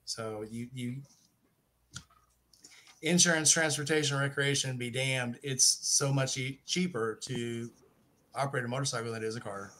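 A man's voice: medium pitch, fairly even intonation, normal speed, a bit bright. A middle-aged man hosting a casual podcast chat. He rambles, corrects himself mid-sentence and jokes. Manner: rambling, self-correcting, joking. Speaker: podcast host.

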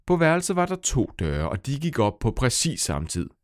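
A man's voice: mid-range voice, sing-song, dry recording, studio quality. A man narrating his own children's story, playful and speaking directly to young listeners. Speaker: storyteller and author.

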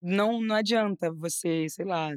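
Lively Carioca woman chatting, dry sound. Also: medium pitch, moderate pace, smooth, no echo. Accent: Carioca Brazilian Portuguese. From Rio de Janeiro, Brazil. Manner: lively, laughs often, restarts phrases. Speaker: guest model. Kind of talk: casual interview chat.

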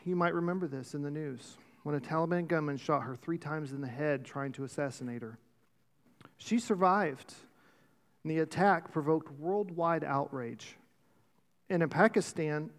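A man preaching a sermon to his church, slightly out of breath, telling stories in a casual, self-deprecating way. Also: fairly high pitch. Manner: conversational, self-deprecating storytelling. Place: church sanctuary. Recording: long church reverb.

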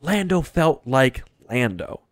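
A man chatting casually about a movie, turning loud and high-pitched when he gets worked up. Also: animated, slow, no room sound, studio quality.

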